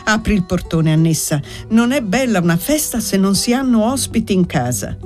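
A woman reading an audiobook, voicing a brisk, cheerful older grandmother who runs the house. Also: mid-range voice, animated, a little mellow, faint music behind, lightly acted.

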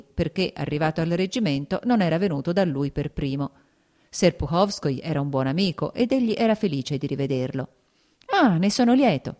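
A woman reading a classic novel aloud as an audiobook narrator, in a steady, even storytelling manner. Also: lowish voice. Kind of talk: scripted literary narration.

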